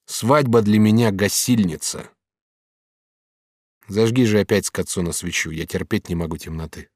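A low, firm master artist, as a man acts him out, proud and sly, with a hot temper under the calm. He speaks in measured, commanding phrases. The recording is close and dry. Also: no room sound, close to an everyday voice. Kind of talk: audiobook character reading.

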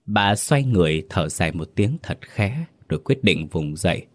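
A man narrating a dramatic story in a steady, storytelling manner. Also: low voice, moderate pace, dry recording.

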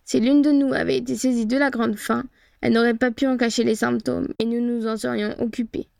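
Brief: a cunning female harpy boss, gravelly and clipped, menace in every word; a woman narrator puts her on. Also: fairly high pitch, level tone, a little fast, a little mellow, no echo, clean studio sound. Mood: blunt.

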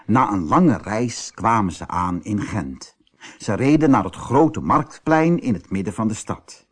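A man from the Netherlands reading a storybook aloud in an expressive, unhurried way. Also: lowish voice, husky. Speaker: storybook narrator. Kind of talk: scripted storybook narration.

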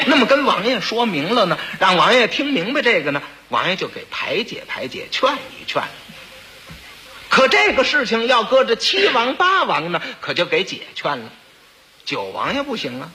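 A man's voice: high voice, very animated, moderate pace, pushed and bright, poor audio. A man telling a comic story, with chatty, stammering asides to the audience.

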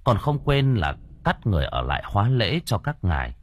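A man's voice: lowish voice, fairly quick, muffled recording, slight background noise. A man narrating a ghost story dramatically. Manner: expressive, dramatic. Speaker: audiobook narrator.

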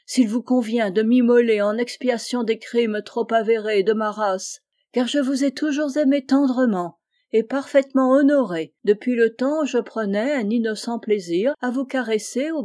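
A woman voicing a sly old wolf who sobs and flatters in a loud, declamatory way. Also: a little high, moderate pace, close to an everyday voice. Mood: fawning. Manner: fawning, tearful, declamatory.

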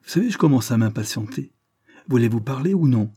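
A man's voice: mid-range voice, expressive, a little fast, breathy edge. A man voicing a mocking, domineering male detective who barks curt threats at a crowd. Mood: contemptuous. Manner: sharp, curt and jeering, barking threats.

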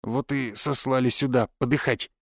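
Guy voicing a cautious prisoner, low-key and hushed, close dry sound. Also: steady tone, normal speed, dry recording, lightly acted. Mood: confiding. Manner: hushed, confiding.

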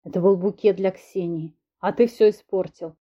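A woman's voice: fairly low pitch, steady tone, moderate pace, close to an everyday voice. A woman reading the lines of a sulky, jealous young man in a grumbling tone, in a dull lo-fi audiobook recording.

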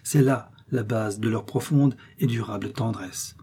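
A man voicing an earnest, sorrowful young man in a classic novel read aloud, speaking in a grave and measured way. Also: on the low side, dark tone, breathy edge. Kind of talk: audiobook character reading.

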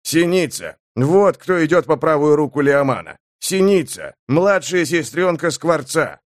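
Guy reading as a wound-up veteran sapper, yelling high and loud, dry close sound. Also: sing-song, a little slow, no echo. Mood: frantic. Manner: loud, frantic, cursing. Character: excitable shouting male sapper, veteran soldier.

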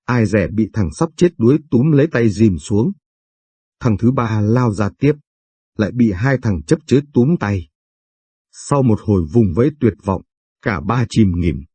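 Dark, husky male storyteller. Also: lowish voice, expressive, unhurried, no room sound. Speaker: narrator. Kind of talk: storybook narration.

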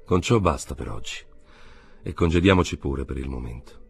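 A man reading an audiobook voices a police inspector, speaking in a calm, low and measured way. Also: vocal fry, breathy edge, soft background music, exaggerated voice. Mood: detached. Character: cool, detached male police inspector.

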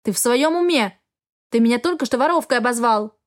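Fields: Voice: a woman playing a sharp-tongued young heroine. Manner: sarcastic. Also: a little high, lively intonation, fairly quick, close to an everyday voice. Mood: exasperated. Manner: sarcastic, tart retorts.

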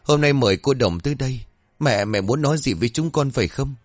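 A man's voice: mid-range voice, lively intonation, fairly quick, no echo, soft background music, pitched above the performer's own voice, close to an everyday voice. A man voicing a tearful, clingy older village man who whimpers as he speaks. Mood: sobbing.

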